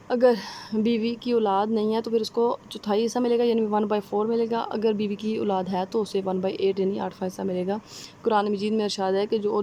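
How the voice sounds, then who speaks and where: A woman with a Pakistani Urdu accent giving a conversational exam-prep lecture, often pausing with fillers and checking-in tags. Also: mid-range voice, warm tone, a little hiss or hum. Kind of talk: explanatory lecture.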